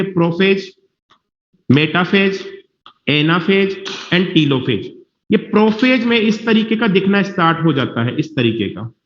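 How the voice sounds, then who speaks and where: Here a man teaches biology in a high-pitched voice with a fairly bright tone. Lecturing his class, he stays reassuring, repeats himself, and asks whether students follow, while the classroom audio sounds dull and full of echo.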